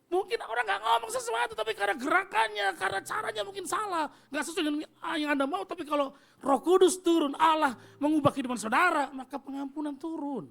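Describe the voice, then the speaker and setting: A middle-aged man with an East Javanese accent preaching a sermon as pastor, playful and animated, slipping into slang and acted-out voices. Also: very high-pitched, fast, creaky. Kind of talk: lively sermon with acted-out stories. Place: church service.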